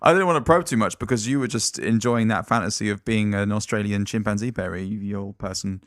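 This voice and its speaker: A man co-hosting a film podcast, talking casually and teasing his co-host with quick questions. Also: on the low side, dry recording, clean studio sound. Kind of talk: casual chat about films.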